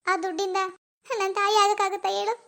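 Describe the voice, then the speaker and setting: A woman doing a young cartoon woman who has lost her baby, her very high voice soft and broken with sobs. She pleads one question after another, fast. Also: flat delivery, gravelly, exaggerated voice. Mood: grieving.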